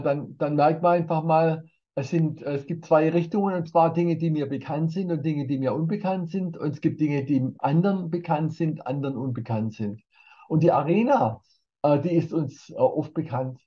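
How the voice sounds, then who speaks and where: A man in his sixties or older giving a talk on a personality model, speaking haltingly with many fillers and restarts. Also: fairly high pitch, slightly rough. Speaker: trainer and company founder. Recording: dull lo-fi sound.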